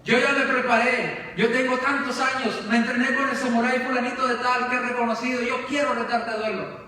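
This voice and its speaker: A man's voice: extremely high pitch, flat delivery, brisk, pushed and bright, pitched above the performer's own voice. A man voicing an impatient, boastful teenage boy training as a samurai, whiny and pleading. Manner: whiny, pleading, then angry and taunting. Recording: echoey church hall, distant mic.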